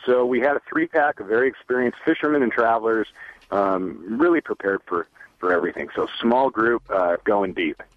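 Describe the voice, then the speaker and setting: A man's voice: fairly low pitch, expressive, normal speed, dry recording. Easygoing man on a dull phone line. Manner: easygoing, many um and uh fillers. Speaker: fly-fishing outfitter guest. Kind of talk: casual recounting of a trip.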